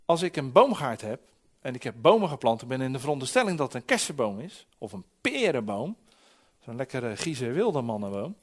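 A man in his forties preaching a sermon, telling stories lively and acting out voices, often restarting his words. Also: medium pitch, a little fast. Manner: lively storytelling with acted-out voices; frequent restarts and repeated words.

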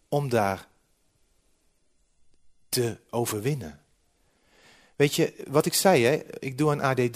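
A man preaching a sermon with slides, lively and humorous, often dropping from loud to quiet. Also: medium pitch. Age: 40s.

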